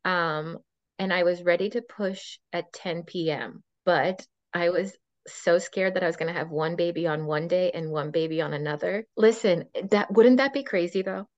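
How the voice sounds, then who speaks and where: Low-voiced woman telling a birth story. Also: moderate pace, no echo. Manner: storytelling with many fillers and quoted dialogue. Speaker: podcast guest. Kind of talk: casual chat. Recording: dull dry lo-fi sound.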